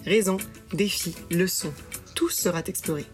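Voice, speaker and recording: A woman in her thirties hosts a podcast, starting with a scripted intro before moving into casual interview chat. Her voice sits on the low side at a moderate pace, easygoing and hesitant with frequent fillers, over soft background music.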